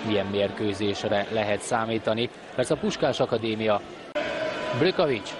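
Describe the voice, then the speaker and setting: Man commentating over clear background noise. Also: on the low side. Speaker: football commentator. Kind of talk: live match commentary.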